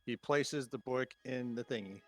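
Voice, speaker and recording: A man's voice: medium pitch, moderate pace, soft background music. A man playing a tabletop fantasy game, speaking in character and declaring his character's actions. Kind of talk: in-character play and third-person action calls.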